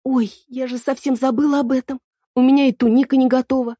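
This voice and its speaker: A woman voicing an excitable, chattering young girl fairy who talks in a quick, earnest way. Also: fairly high pitch, no room sound, pitched above the performer's own voice. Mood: flustered.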